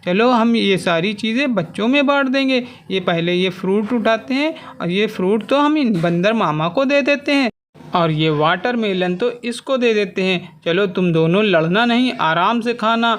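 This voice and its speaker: A man narrating a toy play story for children in an animated, coaxing way, with lots of exclamations. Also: high-pitched, normal speed.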